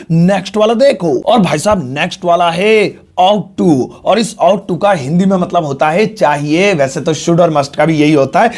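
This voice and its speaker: A man teaching spoken English in Hindi, joking between points and slowing down to spell out the example sentences. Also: a little high, a little mellow.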